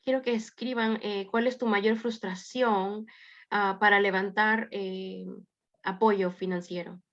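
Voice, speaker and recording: Woman, interpreter, brisk, clear, mid pitch, muffled lo-fi call audio. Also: fairly even intonation, a bit bright. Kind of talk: consecutive interpreting into Spanish. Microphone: video call.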